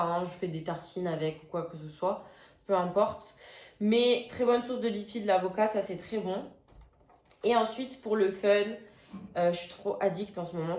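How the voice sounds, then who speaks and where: A woman's voice: fairly low pitch, a little mellow. A young woman, chatting casually through a grocery haul vlog, full of "euh" fillers and slangy asides. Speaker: vlogger. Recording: echoey room.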